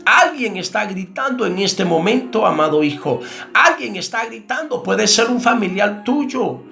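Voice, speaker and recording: Man, preacher, impassioned sermon, high gravelly voice, faint music underneath. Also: animated, a little slow, bright, forceful tone. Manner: impassioned preaching with repeated cries and rhetorical questions.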